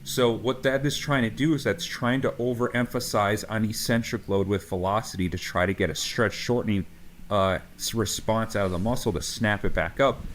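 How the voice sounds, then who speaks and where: A man's voice: on the low side, steady tone, normal speed, a little hiss or hum. A man co-hosting a podcast as a strength coach, talking casually and ranting with passion, swearing freely, full of fillers and restarts.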